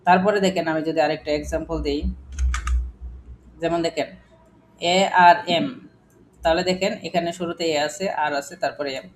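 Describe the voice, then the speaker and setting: A man's voice: a little high, steady tone, normal speed, long pauses. Male teacher, phonics class, quizzing and repeating, faint noise behind. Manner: questioning, repetitive drilling of examples. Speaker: English teacher.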